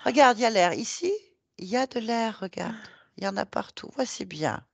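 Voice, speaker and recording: A woman hypnotherapist guiding a hypnosis session, coaxing and reassuring with gentle repetition. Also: fairly high pitch, expressive, a little fast, creaky, no room sound.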